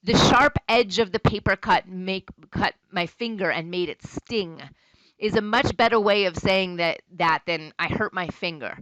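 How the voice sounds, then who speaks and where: A woman's voice: lowish voice, a little slow, a bit bright, no echo, low-quality recording. A woman college instructor giving a recorded lecture in a conversational, explanatory way.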